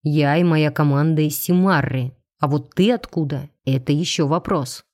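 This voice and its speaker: A woman's voice: sits low, normal speed, darkish tone, voice pushed down, natural voice. Woman voicing a stern alien starship captain. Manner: cold, commanding, interrogating.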